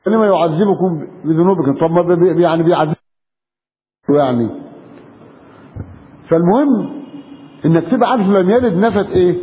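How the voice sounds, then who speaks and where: A man with an Egyptian accent preaching a religious lecture, putting emphatic questions to his listeners. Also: a little high. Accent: Egyptian Arabic. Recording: dull echoey hall recording.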